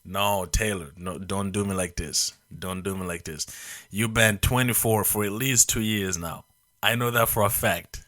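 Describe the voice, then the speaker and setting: Young man, podcast host, casual rambling chat, low pitch, bright tone. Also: normal speed. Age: 20s. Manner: rambling, hesitant, many fillers and restarts, joking.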